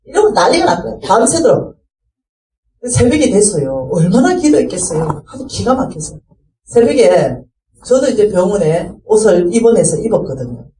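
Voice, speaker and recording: A middle-aged woman tells a church testimony in an animated storytelling manner, acting out the people in it and rising to fervent pleading. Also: mid-range voice, moderate pace, roomy sound, recorded from a distance, poor audio. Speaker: speaker giving a church testimony.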